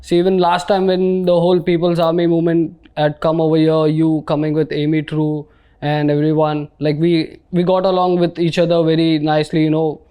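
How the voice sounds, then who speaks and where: Guy hosting a hip hop podcast, clean smooth voice, kinda high, slangy and casual. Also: monotone, brisk, warm tone. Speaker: podcast host. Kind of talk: casual interview.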